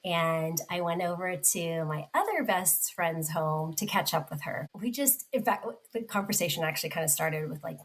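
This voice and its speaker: A woman's voice: fairly low pitch, lively intonation, normal speed, hardly any pauses, poor audio. A woman in her forties, a podcast guest, telling a personal story in a heartfelt way with many restarts. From United States. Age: 40s.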